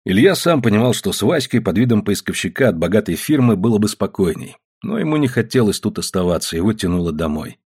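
A man reads an audiobook in scripted narration. His husky voice moves with a lively pitch, and he keeps a measured storytelling pace.

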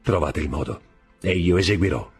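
A man's voice: low-pitched, moderate pace, husky, soft background music. A man reading aloud voices a desperate, jealous young man in love, vehement and pleading.

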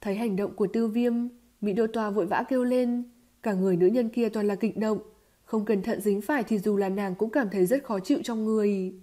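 A woman giving scripted audiobook narration of a novel in an even, steady storytelling manner. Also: medium pitch, fairly quick.

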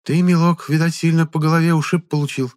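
A man's voice: on the high side, steady tone, quick pace, darkish tone, voice pushed up, natural voice. A man voicing a chatty, sly elderly peasant widow who talks in a folksy sing-song.

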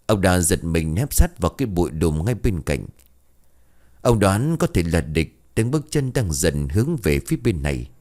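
A man narrating a ghost story in a lively, dramatic way. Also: deep voice, moderate pace.

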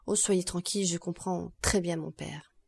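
Woman reading as shaken prosecutor, strained, urgent, husky, flat. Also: on the low side, normal speed. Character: shaken middle-aged male crown prosecutor.

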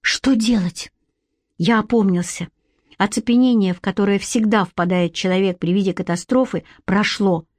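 A woman reading a story aloud as audiobook narration, at a slow, measured pace. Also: mid-range voice, fairly even intonation, darkish tone, no echo. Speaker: audiobook reader.

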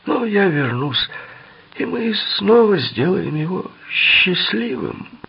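Man doing a high, mocking young thug. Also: big pitch swings, takes it slowly, creaky, breathy edge, highs cut off, heavily acted. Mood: mocking menace. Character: menacing young male thug, grinning and sinister.

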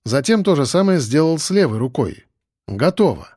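A man narrating a story in the first person, at a steady, measured pace. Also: on the high side, no echo, studio quality. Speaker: audiobook narrator.

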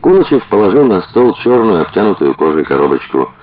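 A male narrator reads a story in a very deep voice that moves expressively. His delivery keeps an even storytelling flow, and the recording sounds somewhat dull and muffled. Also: brisk. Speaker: audiobook narrator. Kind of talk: scripted audiobook narration.

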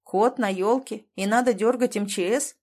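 A woman's voice: on the high side, normal speed, natural voice. A woman reading an audiobook, voicing a sarcastic young male rescuer who teases his crew. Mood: mocking. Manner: sarcastic, teasing.

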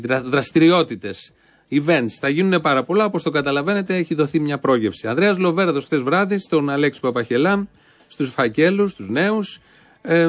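A man hosting a satirical show, commenting on clips in a dry, mocking manner. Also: fairly high pitch. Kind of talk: sarcastic commentary.

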